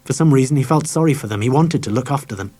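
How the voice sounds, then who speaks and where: A man reading a children's audiobook aloud in a mid-pitched voice. His storytelling is measured, and he lowers his voice at the quietly dramatic moments. The narration is steady and scripted. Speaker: audiobook reader.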